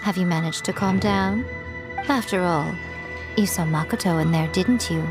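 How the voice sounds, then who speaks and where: A woman's voice: lowish voice, over music, natural voice. A woman playing an elegant, sly fox shrine maiden in a video game, playful and wry. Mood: caring. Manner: playful, self-assured, wry, drawn-out phrasing. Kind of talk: English video game voice acting.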